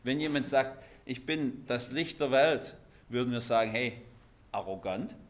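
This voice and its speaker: Man, preacher, sermon, lively, emphatic, mid-pitched voice. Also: a little slow. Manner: lively, emphatic, shifts between loud stresses and quiet asides.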